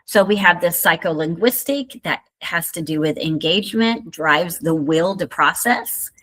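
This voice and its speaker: A woman's voice: lowish voice, a bit bright. A middle-aged woman with a Southern American accent, giving a recorded university lecture in a conversational way with many fillers and asides. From Indiana. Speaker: university instructor.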